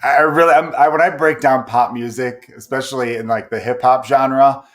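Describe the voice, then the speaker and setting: A man's voice: mid-range voice, steady tone, normal speed, fairly bright tone. A man hosting a podcast in casual chat, rambling and joking as he goes. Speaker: podcast host.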